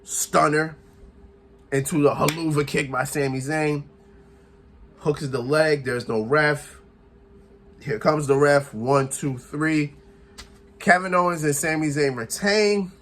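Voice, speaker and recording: A young man recapping a wrestling show in casual chat, excitable and often laughing as he acts out what the wrestlers said. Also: on the high side, slow, long pauses.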